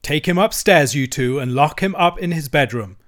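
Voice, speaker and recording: A man's voice: medium pitch, lively intonation, moderate pace, close to an everyday voice. A man voicing a stern male badger from a storybook, solemn and commanding, given to speechifying. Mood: firm, commanding. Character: stern, oratorical male badger, gang leader. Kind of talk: storybook character voice.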